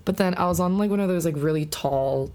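A woman's voice: lowish voice, fast, a little mellow. A young woman co-hosting a podcast, telling long stories in casual chat, peppered with "like". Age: young adult. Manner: rambling storytelling, full of "like". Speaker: podcast co-host.

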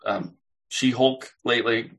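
A man's voice: mid-range voice, fairly even intonation, unhurried, vocal fry, fairly bright tone, poor audio. A man in a casual chat, speaking hesitantly and trailing off as he shares opinions.

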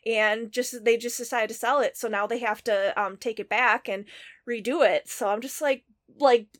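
Woman co-host, higher voice, animated profane gaming rant. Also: normal speed. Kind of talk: casual gaming chat.

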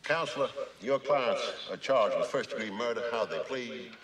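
An actor playing a strict older male judge who scolds and commands in a gruff voice. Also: mid-range voice, moderate pace, fairly bright tone, slight background noise, lightly acted. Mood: stern. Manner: scolding, impatient. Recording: echoey film clip audio.

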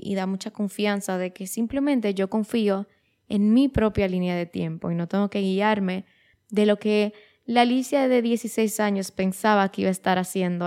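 A twenty-three-year-old woman hosts her own podcast, speaking casually and reflectively in a medium-pitched, somewhat dark voice. She's chatty, frequently restarts her phrases, and drops English words into her speech.

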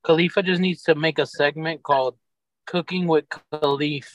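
A man's voice: a little high, fairly even intonation, moderate pace, no room sound, muffled recording. A man in a casual chat over a video call, spinning absurd jokes. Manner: joking, absurd riffs.

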